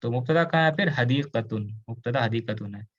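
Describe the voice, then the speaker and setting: A man's voice: medium pitch, a little fast, highs cut off. Indian man teaching Arabic grammar. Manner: explains patiently, mixes in English, asks students questions. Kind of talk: online class lecture.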